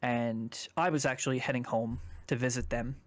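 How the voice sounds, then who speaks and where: A man's voice: medium pitch, steady tone, moderate pace, dry recording, clean studio sound. A young man from Canada, a guest on a chat stream, rambling casually through a personal story and swearing now and then.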